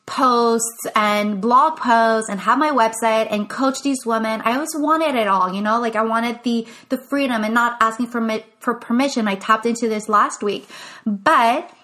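On her casual solo podcast, a young woman from Quebec, Canada, who works as a business coach, chats with frequent "like" fillers and restarts. She speaks at a moderate pace in a fairly high voice that sounds pushed and bright.

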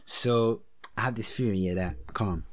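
Speaking a little slowly in a fairly low voice, a young London man in his twenties chats casually and animatedly in heavy roadman slang, tacking "innit" and "yeah" onto his phrases.

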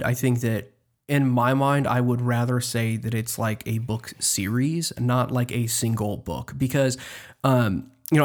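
A man co-hosting a casual book podcast, measured as he builds on his co-host's point. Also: mid-range voice. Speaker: podcast co-host.

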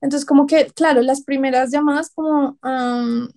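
A young woman with a Colombian accent chats as a guest, spinning lively anecdotes and acting out what others said. Her voice sits high, with a soft, mellow tone. She talks in an easy, conversational way. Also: normal speed. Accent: Colombian Spanish. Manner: lively, acts out quotes, laughs often. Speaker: guest, writer. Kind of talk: casual storytelling conversation.

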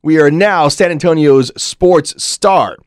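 Emphatic, higher-pitched man co-hosting a podcast. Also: takes it slowly, dry recording, clean studio sound. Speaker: podcast co-host. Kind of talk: casual wrestling banter.

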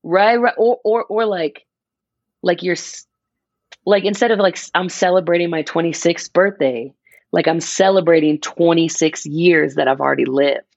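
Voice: medium pitch, fairly even intonation, normal speed, creaky, no echo, muffled recording. A person in their mid-twenties chatting casually on a podcast, rambling and restarting as they explain an idea. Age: 20s. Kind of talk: casual chat.

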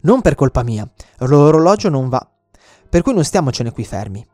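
A man's voice: medium pitch, big pitch swings, moderate pace, mellow, no room sound, studio quality, faint music behind. A man reading out the lines of a friendly-seeming young male stranger who keeps pushing past refusals. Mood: pushy. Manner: insistent, ignores refusals.

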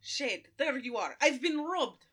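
A woman's voice: high-pitched, animated, unhurried, very noisy. A woman voicing a dramatic, flighty countess with a put-on Russian accent, drawling melodramatically in a comic radio play. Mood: distressed. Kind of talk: comic old-time radio play acting.

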